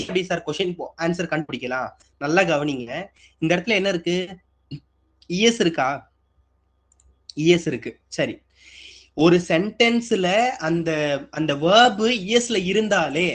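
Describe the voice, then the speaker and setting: A man teaching an exam-prep grammar lesson, asking his students questions and repeating key points. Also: sits high. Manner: asks students questions and answers them, repetitive.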